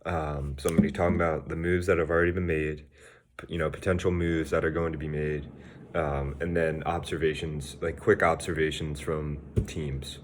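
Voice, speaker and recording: Very deep-voiced young male sports vlogger. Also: level tone, moderate pace, slight background noise. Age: young adult. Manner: rambling, loose and offhand. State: slightly out of breath. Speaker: sports video host. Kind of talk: casual sports vlog talk.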